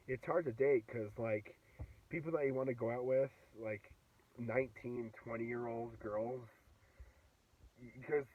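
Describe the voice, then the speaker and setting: A man in his twenties with a sore throat from a cold, rambling through a casual vlog from inside his car, full of fillers and restarts. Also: medium pitch. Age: 20s. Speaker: vlogger. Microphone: phone. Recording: dull, distant phone audio in a car.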